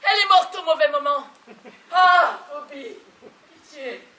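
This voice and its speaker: A woman on a theatre stage playing a bossy, exasperated mother of the bride who shouts and interrogates. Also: high voice, a little slow. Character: bossy, frantic middle-aged mother of the bride. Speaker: stage actor. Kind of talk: live stage comedy acting. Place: farm theatre stage, live audience. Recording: echoey room, far off, faint hiss.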